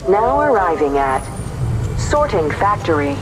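A woman voicing an automated train station announcer in a video game, her recorded words spliced together into polite, measured announcements. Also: lowish voice, sing-song, noisy background. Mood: calm.

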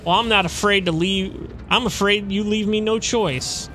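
A man's voice: high-pitched, fairly even intonation, moderate pace, bright, forceful tone, faint music behind. Man putting on a greedy, sneering villain dad. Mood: threatening. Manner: sneering, threatening. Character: greedy, menacing, hard-drinking father, a game villain.

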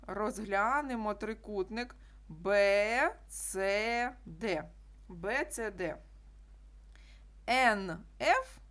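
A woman teacher walks through a geometry problem step by step. She explains in a steady classroom manner and often repeats key statements to make them stick. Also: fairly high pitch. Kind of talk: classroom math lesson.

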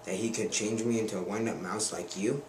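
Brief: man voicing a wistful little house mouse, storybook; lowish voice, roomy room echo. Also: steady tone, a little fast, close to an everyday voice. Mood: hopeful. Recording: roomy, distant camera mic, faint noise.

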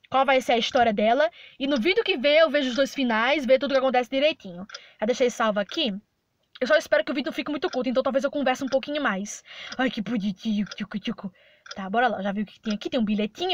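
A woman's voice: high voice, dry recording, highs cut off. A woman hosting a casual gameplay video, chatting and reacting aloud as she plays. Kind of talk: casual let's-play commentary.

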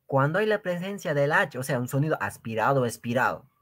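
A man's voice: medium pitch, lively intonation, fast talker, fairly bright tone. A man giving a livestreamed language lesson, drilling sounds with exaggerated repetition and addressing viewers as brothers and sisters. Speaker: language teacher.

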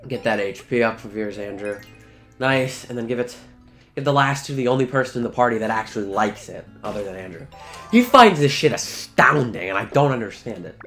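A man's voice: on the low side, fairly quick, a bit bright. A man giving casual, sweary video game commentary, talking to the characters as he plays. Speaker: let's play host. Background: game music.

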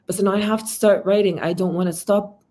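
A Palestinian woman in her thirties, an artist living in Amman, speaks with an Arabic accent as a guest on a video call from a room at home. Her medium-pitched, dark voice is fairly even and fast, and she talks casually but reflectively, often searching for words. Her laptop mic adds a little hiss or hum.

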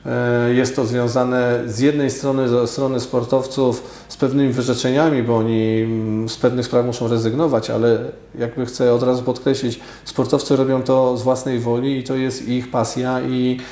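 Measured man with a mellow voice. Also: mid-range voice, little pitch movement. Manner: measured, hesitant, many fillers and restarts. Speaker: sports official guest. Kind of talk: radio interview answers. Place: office studio with glass table. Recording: roomy echo.

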